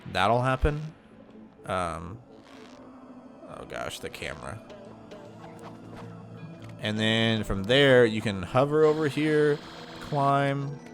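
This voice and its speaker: Soft music underlies a mid-range voice that is animated yet slow, broken by long pauses. The slightly congested, nasal-sounding host gives casual commentary on a video game, chatty and rambling with plenty of ums and self-corrections.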